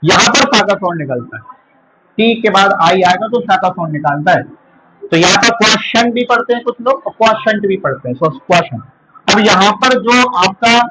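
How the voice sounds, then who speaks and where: Male math teacher from India, high voice, drills terms by repeating them, noisy recording. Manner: asks questions and answers them himself, repeats key terms slowly. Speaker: school teacher. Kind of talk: classroom math lesson.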